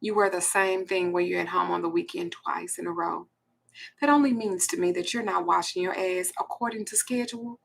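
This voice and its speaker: A woman's voice: lowish voice, steady tone, brisk, gravelly. A woman, hosting a blunt, profane ranting monologue. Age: 40s. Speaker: host.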